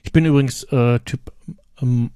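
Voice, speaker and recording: Rambling German man, dark dry voice. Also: mid-range voice, fairly even intonation, normal speed, no room sound. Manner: rambling, many fillers and restarts. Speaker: podcast co-host. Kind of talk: casual chat.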